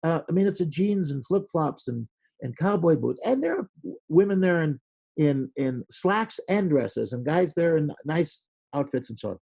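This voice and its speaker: A man telling animated stories in a casual interview, acting out quoted lines with a loud voice. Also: on the high side, moderate pace, creaky, breathy edge, lo-fi sound. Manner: animated storyteller, acts out quoted lines loudly. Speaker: podcast guest, creativity speaker.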